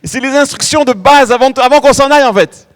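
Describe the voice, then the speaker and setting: Middle-aged male pastor, fairly high voice, animated sermon delivery with stretched emphasis words. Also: fast. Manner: animated storytelling preacher, stretching key words. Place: church.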